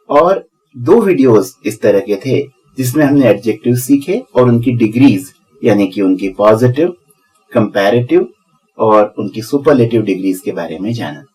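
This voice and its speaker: A man's voice: mid-range voice, a little mellow, low-quality recording. Man, hindi accent, video lesson teacher, patient, step-by-step explaining. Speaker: English teacher.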